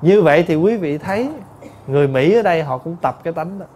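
A male Buddhist monk, giving a lively, chatty dharma talk told through stories. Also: on the high side, quick pace, a little hiss or hum.

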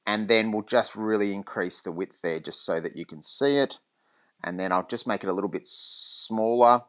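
A man talking through a screen-recorded teaching tutorial in a relaxed, rambling way. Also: low-pitched. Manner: relaxed, lots of ums and restarts.

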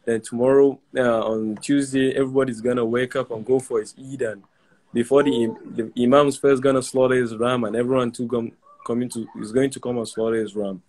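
A man's voice: medium pitch, little pitch movement, a little fast, a little mellow. A young man calling in over a phone video call, speaking politely and formally. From Nigeria. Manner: polite, formal, repeats his thanks. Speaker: caller. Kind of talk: casual video call chat.

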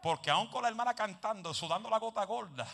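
A man preaching a lively Pentecostal sermon, telling stories and mixing in English phrases, dropping to soft asides and rising to shouts. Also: high voice, fast talker, vocal fry. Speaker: evangelist preacher.

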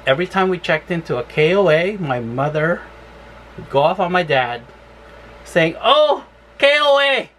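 A woman's voice: sits low, normal speed, long pauses, slight background noise. A woman travel vlogger ranting angrily and swearing about her RV campsite. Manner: furious, profane complaining. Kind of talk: angry vlog rant.

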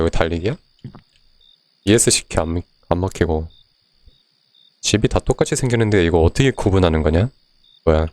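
Male game streamer, lowish voice, loose chatty commentary, reads on-screen text aloud, quick to curse and yell. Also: no echo. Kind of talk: casual let's-play commentary.

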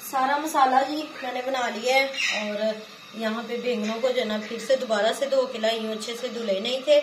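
This Pakistani woman speaks a little fast in a slightly high voice, her Pakistani Urdu accent coloring a relaxed, homely walkthrough of her home cooking, step by step, with lots of "jo hai na." A village vlogger, she sits on a floor mat in a small room at home, where the recording is echoey and background noise comes through clearly.

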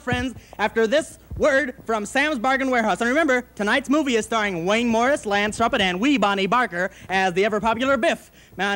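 A young man with a strikingly high voice hawks bargain furniture like a frantic local TV pitchman. He pushes hard, sometimes shouting prices and sometimes tripping over his own words in a flustered way. He speaks into a handheld mic on a 1960s studio set. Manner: hard-selling, bursts into shouts, stumbles and flusters. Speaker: TV pitchman in a sketch. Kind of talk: parody local TV furniture commercial. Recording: 1960s TV broadcast.

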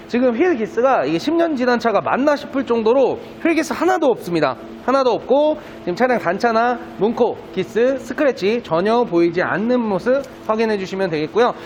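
A man speaking as a used car dealer, giving a polite, persuasive sales pitch in a walkaround of a car. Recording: dull lo-fi sound, faint background noise.

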